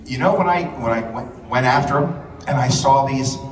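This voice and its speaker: A man's voice: mid-range voice, moderate pace, slight background noise. A man giving a fiery live speech, blunt and profane, telling heated stories. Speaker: rally speaker. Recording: echoey hall, distant mic.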